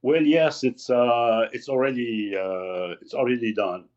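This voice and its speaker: Older man, 60s, halting guest who searches for words, mid pitch, slightly muffled lo-fi recording. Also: a little mellow. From Lebanon. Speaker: magazine founder, guest. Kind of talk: casual interview talk. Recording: slightly dull lo-fi audio.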